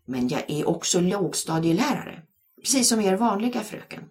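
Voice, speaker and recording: A large, kindly male substitute teacher in a children's audiobook with a deep, dark voice, put on by a woman reading the story. He speaks warmly to the class and gets a little flustered. His speech swings up and down in lively curves. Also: natural voice. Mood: friendly.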